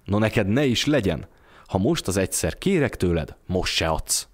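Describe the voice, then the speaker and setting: A man's voice: low voice, sing-song. A man voicing a poor, frail young mother who keeps joking through hard times, told in an audio storybook. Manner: playful, jokes through poverty.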